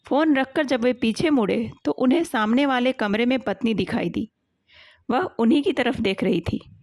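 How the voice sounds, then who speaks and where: A woman reading a short story aloud in calm, measured storybook narration. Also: on the high side, dry recording, studio quality.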